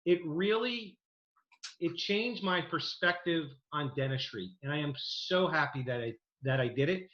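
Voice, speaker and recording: A man's voice: a little high, expressive, a little slow, a bit bright. Enthusiastic man on an echoey call. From New Jersey. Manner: earnest, enthusiastic storytelling with many fillers. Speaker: dental residency program director. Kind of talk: interview over video call. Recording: echoey, dull video-call audio.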